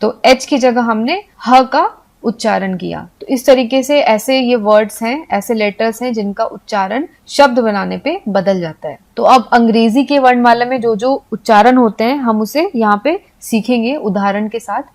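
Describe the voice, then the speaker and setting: A woman giving a patient video lesson for Hindi speakers, explaining step by step and spelling letters out slowly. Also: on the high side, a little mellow. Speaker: English teacher.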